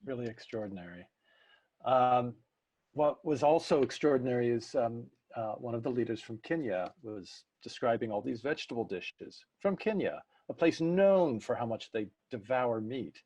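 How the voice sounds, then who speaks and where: A man's voice: mid-range voice, lively intonation, normal speed, a little mellow, husky, dry recording. A man co-hosting an online cooking session, talking with enthusiasm and reflection over a video call. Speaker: webinar co-host. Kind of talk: casual online talk.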